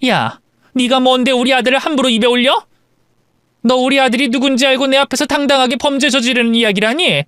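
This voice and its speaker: A man's voice: very high voice, steady tone, fast, a bit bright, clean tone, dry recording, clean studio sound. A man voicing an indignant middle-aged mother standing up to bullies in a story drama. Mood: defiant.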